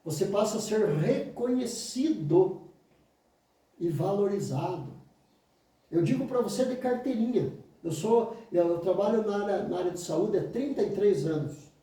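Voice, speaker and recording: A man in his fifties with a Brazilian Portuguese accent, teaching oratory in an emphatic motivational lecture that mimics excuses in a higher voice and answers them low and firm. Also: expressive, unhurried, warm tone. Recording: very echoey room, mic far off.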